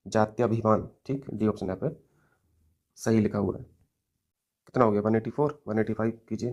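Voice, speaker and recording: A man's voice: on the low side, darkish tone. A man teaching a Hindi grammar lesson, working through mock test questions step by step and often checking in with his students. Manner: explains step by step, often checking with "theek hai" and "hai na". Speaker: exam coaching teacher.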